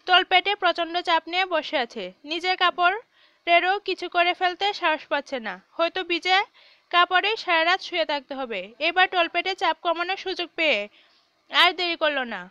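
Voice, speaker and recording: A woman narrating a children's novel aloud in a lively storytelling read. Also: very high-pitched, moderate pace, dry recording. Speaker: audiobook narrator. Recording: dull, dry recording.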